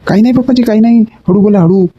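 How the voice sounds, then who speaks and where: A man's voice: sits high, fast, husky. A man playing an eager pleading son. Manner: pleading, repeats words. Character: grown sons at home, eager and scheming. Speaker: son in a family sketch. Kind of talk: comedy sketch acting. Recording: dull lo-fi recording with faint noise.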